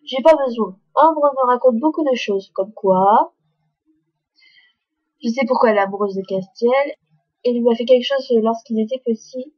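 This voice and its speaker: Haughty schoolgirl gossip, read by a woman, slow superior delivery, breathy, muffled lo-fi sound. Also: fairly high pitch. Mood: smug.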